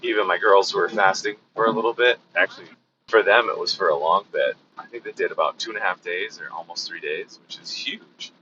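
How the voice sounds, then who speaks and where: A man with a hoarse, sick-sounding voice rambles through a casual daily vlog update, full of fillers and restarts. His voice sits very low but sounds bright and forceful. The recording is a bit dull, with faint ambience behind him. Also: a little fast, slight background noise. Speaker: vlogger.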